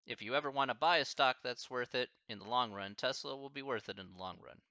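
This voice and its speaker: A man's voice: medium pitch, a little fast, pushed and bright, dry recording, lo-fi sound. A man with a Midwestern American accent, a math professor chatting casually with his students and thinking aloud as he answers their questions.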